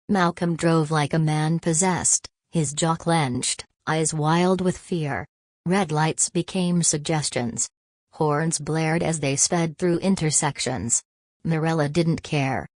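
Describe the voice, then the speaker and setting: A woman giving scripted narration of a family drama in a dramatic, measured way. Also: deep voice, no room sound.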